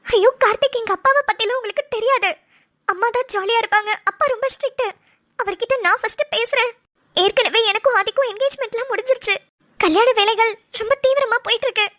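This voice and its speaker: A woman's voice: extremely high pitch, fast, bright, forceful tone, pitched above the performer's own voice. A woman voicing a nervous young woman in a cartoon, stammering and pleading as she hesitates. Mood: anxious. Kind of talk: cartoon voice acting.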